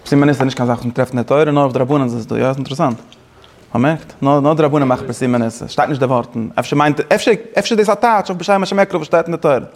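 A man teaching a Torah class, talking fast with many restarts and mixing in Hebrew and English phrases. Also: medium pitch. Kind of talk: Talmud-style lecture.

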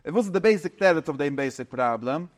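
Man lecturing, higher-pitched and searching. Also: expressive. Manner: searching, halting, mixes in English terms. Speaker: teacher. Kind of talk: informal philosophy lecture.

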